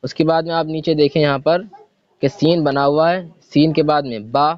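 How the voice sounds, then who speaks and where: A man teaching a reading lesson, patiently explaining letter by letter and sounding words out slowly. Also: a little high, fairly even intonation, no echo. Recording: dry, dull lo-fi recording.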